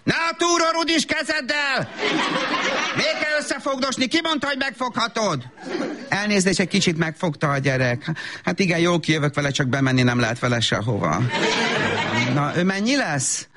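A man's voice: lively intonation, a crowd in the background. A man playing a frazzled, self-absorbed young mother who coos baby talk at her toddler and then snaps at him. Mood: chatty. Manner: sing-song baby talk flipping to shrill scolding. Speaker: comedian. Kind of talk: comedy sketch monologue.

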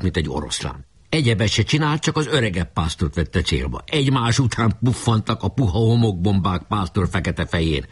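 A man narrating a story aloud in an expressive storytelling manner. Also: on the low side, breathy edge. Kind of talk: audiobook narration.

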